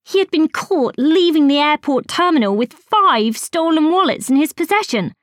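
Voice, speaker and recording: A woman telling a first-person story as scripted narration, expressive and rising high on surprise and excitement. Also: normal speed, no echo, studio quality.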